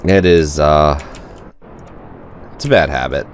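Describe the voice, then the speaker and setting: With slight background noise, a man with a rumbling low voice talks slowly over his game for a let's play, thinking aloud and rambling with fillers. He hosts a gaming channel and sounds nasal and congested from a cold.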